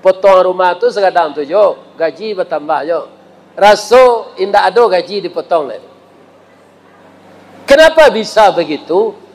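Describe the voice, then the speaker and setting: A man's voice: sits high, poor audio. A man preaching a humorous sermon with a Minangkabau accent, joking and telling stories with asides to the audience.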